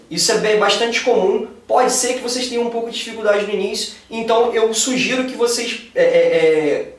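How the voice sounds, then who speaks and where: A man's voice: high-pitched, recorded from a distance. A man with a Brazilian accent gives a casual video lesson on literature, often checking in with his students. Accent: Brazilian Portuguese. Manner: casual, addresses students as "gente" and "galera", often checks "beleza?". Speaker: literature teacher. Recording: very echoey room, voice off-mic.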